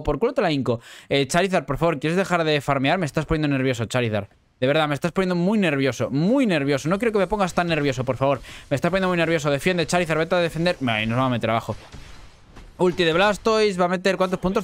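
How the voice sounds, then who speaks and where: Young Spanish man, gaming commentary, animated and fairly high, dry close-mic sound. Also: no echo. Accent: Spain Spanish. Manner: excitable, swings between muttering and shouting. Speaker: gaming YouTuber. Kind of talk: live gameplay commentary.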